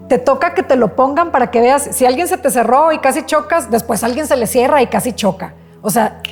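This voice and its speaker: Woman therapist, gravelly kinda high voice, calm self-help talk, faint music under it. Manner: calm, unhurried advice with frequent self-corrections. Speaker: psychologist and therapist.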